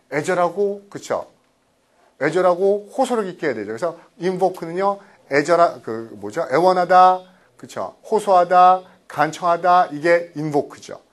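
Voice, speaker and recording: A middle-aged male lecturer with a slightly high, very lively voice that swoops up and down. He explains English vocabulary to a class and often acts out little phone calls and quoted voices. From Korea.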